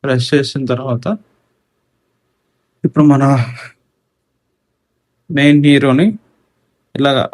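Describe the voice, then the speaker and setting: Taking his time and pausing often, a man with a Telugu accent speaks in a level, medium-pitched, slightly dark voice. He gives a relaxed unboxing and installation walkthrough as a gear reviewer, mixing English technical terms into his speech.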